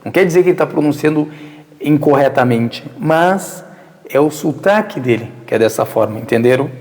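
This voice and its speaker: Speaking in a mosque prayer hall with a long reverb tail, a man from Brazil leads an informal religious lesson in a Brazilian Portuguese accent. He takes listeners' questions and frequently asks and answers his own rhetorical ones, his fairly high, darkish voice lively in intonation at normal speed.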